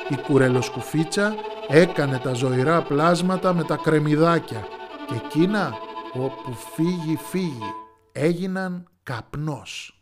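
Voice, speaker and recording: A man storyteller reading a fairy tale aloud in a lively, expressive way. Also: on the high side. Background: soft music.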